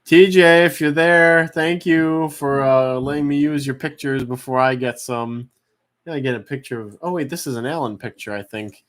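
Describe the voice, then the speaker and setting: A man with a mid-pitched voice hosts an online auction as a casual live stream. He rambles and halts, thinking aloud as he goes. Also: moderate pace.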